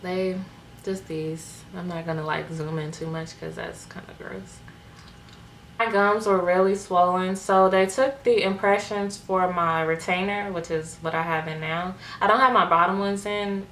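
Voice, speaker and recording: In an echoey room with faint background noise, a young woman chats casually to her vlog viewers, peppering her speech with "like." She speaks unhurriedly in a fairly low, fairly bright voice with a steady tone.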